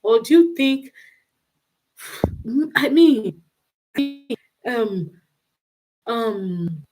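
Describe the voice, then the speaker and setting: Through poor audio, a Nigerian-accented woman talks off the cuff on her livestream, offering relationship advice. Her fairly high voice has lively intonation, but she speaks very slowly, emphatic and repeating phrases for stress.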